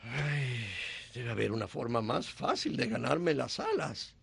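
An actor playing a gentle elderly male guardian angel in a dubbed classic film, slow and soft-spoken. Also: medium pitch, lively intonation, vocal fry, full character voice. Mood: weary.

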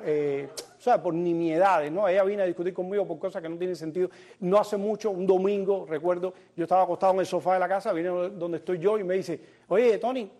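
A man's voice: high-pitched, a little mellow. A man hosting a show and doing a stand-up monologue, joking and talking straight to the audience. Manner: joking, addresses audience directly. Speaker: comedian host.

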